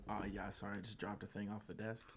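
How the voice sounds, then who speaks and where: A man co-hosting a podcast, chiming in with quick joking interjections. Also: fairly low pitch, flat delivery, a little hiss or hum. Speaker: podcast co-host. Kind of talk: casual chat.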